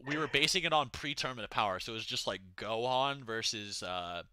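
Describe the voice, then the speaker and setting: A man's voice: medium pitch, a little fast, bright, forceful tone, smooth, no echo, clean studio sound. A man livestreaming in a casual, laid-back way, rambling through slangy, profane chat and replies to donations. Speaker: livestreamer reading donation messages.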